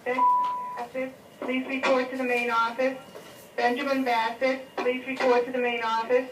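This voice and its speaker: A woman's high, lively voice comes through a school PA loudspeaker. She calls a student to the office in a formal, clipped way and repeats the call. The sound is echoey and distant, as if heard from across a classroom, with faint noise behind it. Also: a little slow. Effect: heard over a school PA loudspeaker. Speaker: school office staff making an announcement. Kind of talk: PA announcement calling a student to the office.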